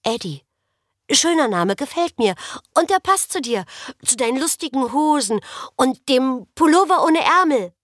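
A woman voicing a cheeky, talkative young girl in an audiobook, with bright, excitable speech. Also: sits high, a little slow, no echo, studio quality, voice pushed up, exaggerated voice. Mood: cheerful. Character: chatty, cheeky human girl, bubbly and outspoken. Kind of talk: audiobook character voice.

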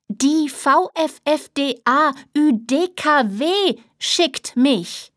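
A woman voicing a brisk, prim middle-aged nanny who speaks with crisp, overly clear enunciation. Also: high voice, lively intonation, darkish tone. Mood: slow and insistent.

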